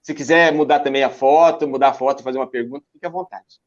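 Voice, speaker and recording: A man's voice: mid-range voice, steady tone, fast. An older man from Brazil with a Brazilian Portuguese accent, talking as an interview guest about his backpacking travels. He is an enthusiastic storyteller who poses rhetorical questions and answers them himself. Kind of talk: casual interview over a video call. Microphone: video call. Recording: lo-fi video call audio.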